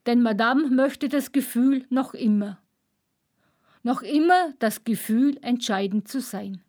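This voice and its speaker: A woman reading a first-person literary narration in clipped, measured fragments. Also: on the high side, a little mellow. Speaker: reader.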